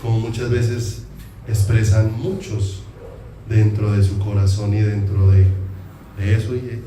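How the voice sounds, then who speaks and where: A man's voice: on the low side, little pitch movement, unhurried. A man with a Colombian accent preaching a sermon in a church hall, talking in a conversational way and asking the congregation many questions. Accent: Colombian Spanish. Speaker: pastor. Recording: echoey hall, distant mic, noisy.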